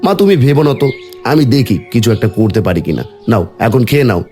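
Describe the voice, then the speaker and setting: A man's voice: medium pitch, very animated, fast, dark tone, soft background music, lightly acted. Man playing a worried young village son. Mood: earnest. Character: sick, worried young village son, fond of his mother.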